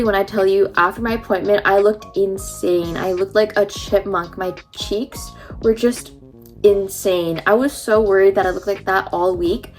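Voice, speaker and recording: A woman's voice: mid-range voice, a little mellow. A young woman with a slight lisp from a numb mouth after wisdom teeth surgery, chatting informally in a casual personal vlog.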